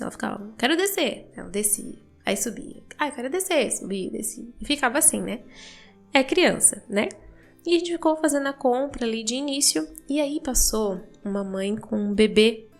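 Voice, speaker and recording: A woman's voice: a little high, expressive, moderate pace, vocal fry, faint music behind. A young Brazilian woman chatting casually as a podcast host and mother, telling a story with lots of tag questions and acted-out dialogue. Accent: Brazilian Portuguese.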